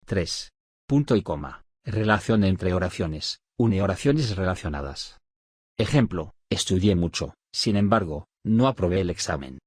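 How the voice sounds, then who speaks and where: Deep husky male lesson narrator. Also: lively intonation, no room sound, studio quality. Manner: measured, list-like dictation with pauses. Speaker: audiobook narrator of a study syllabus. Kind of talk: scripted reading of spelling rules.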